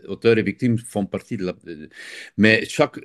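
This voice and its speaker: Here the Flemish-accented Belgian guest expert, a native Dutch speaker, talks at a normal speed in a lowish, slightly bright voice. While explaining his field in the interview he comes across as hesitant, frequently hunting for words and filling gaps.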